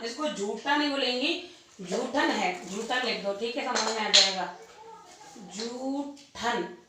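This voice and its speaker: Echoey woman teacher, high and bright. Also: slight background noise. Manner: repeats points, asks and answers own questions. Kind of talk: exam-prep lecture. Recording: echoey room, distant mic.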